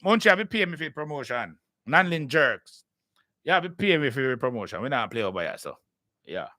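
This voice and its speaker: A man's voice: medium pitch, sing-song, brisk, bright, forceful tone, dry recording, studio quality. A man with a Jamaican accent hosting a live podcast, chatting casually and restarting his sentences with repeated words. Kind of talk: casual live-stream chat.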